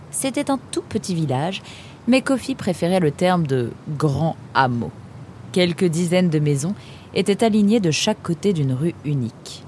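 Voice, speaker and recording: Une femme narre un conte pour livre audio. Sa voix est basse et chaude, son récit vif et pince-sans-rire. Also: female voice, warm tone, a little hiss or hum. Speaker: narrator. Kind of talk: scripted audiobook narration.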